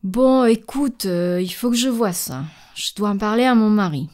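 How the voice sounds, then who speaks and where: A woman's voice: mid-range voice, animated, normal speed, darkish tone, close to an everyday voice. A woman playing a practical working mother who reluctantly agrees to a favor, in a scripted French lesson dialogue. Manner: reluctant, firm. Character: practical working mother, firm but kind.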